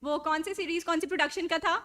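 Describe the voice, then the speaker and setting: A woman's voice: extremely high pitch, fairly even intonation, racing, bright, forceful tone. A woman with a North Indian accent hosting a live event, introducing guests in an effusive, enthusiastic style. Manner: effusive, gushing. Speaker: event host introducing panelists. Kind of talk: enthusiastic live stage presenting, mixing English and Hindi.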